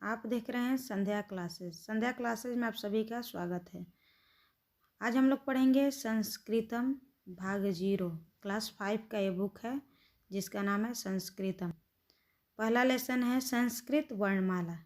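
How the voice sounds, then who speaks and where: A woman with a fairly high voice teaches children in an online lesson. She speaks very slowly and patiently, spelling out each letter on its own. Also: darkish tone. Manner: slow, patient, recites letters aloud one by one.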